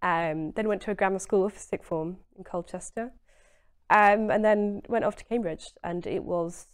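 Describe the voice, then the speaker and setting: A woman's voice: mid-range voice, normal speed, clear, resonant tone. A woman, speaking earnestly and emphatically as a guest in a conversational interview, often saying "you know". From Essex, England. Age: 20s.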